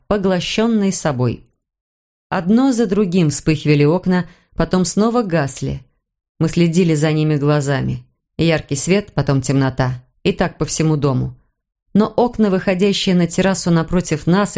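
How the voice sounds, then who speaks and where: Woman narrating in a low, measured voice. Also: a little mellow. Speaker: audiobook reader. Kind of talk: scripted narration.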